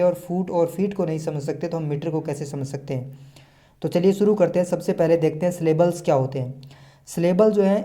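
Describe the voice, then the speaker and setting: Mellow-voiced man teaching a lesson. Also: a little high. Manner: patient, repetitive explaining with frequent fillers. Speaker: English teacher. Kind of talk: explanatory video lesson.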